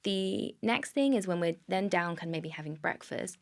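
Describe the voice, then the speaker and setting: A woman's voice: on the low side, animated, moderate pace. A woman speaking as a speech therapist, giving parents conversational, explanatory advice with small example phrases.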